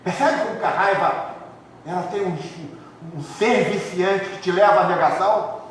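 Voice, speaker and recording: Echoey distant preaching pastor, Rio accent. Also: male voice, high voice, moderate pace, slight background noise. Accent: Brazilian Portuguese, Rio de Janeiro. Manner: animated preaching, swings from loud to hushed, acts out congregants. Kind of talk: sermon. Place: large church hall. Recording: echoey church hall from far off.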